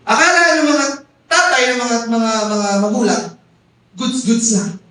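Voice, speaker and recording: A man's voice: extremely high pitch, lively intonation, unhurried, bright, forceful tone. A middle-aged Filipino man preaching a Taglish sermon as pastor, often calling out "amen?" to the congregation. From Philippines. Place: church hall. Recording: echoey hall, mic far off.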